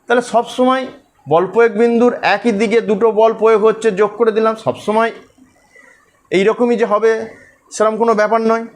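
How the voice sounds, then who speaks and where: A man with a high voice gives a school physics lesson. He goes through each step with care and keeps checking that his pupils follow. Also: flat delivery, fairly quick. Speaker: teacher.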